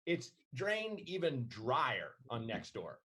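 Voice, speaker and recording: A man co-hosting a comedy podcast, laid-back and wry, quick to laugh. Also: mid-range voice, huge pitch swings, bright, forceful tone. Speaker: podcast co-host. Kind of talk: casual comedy chat.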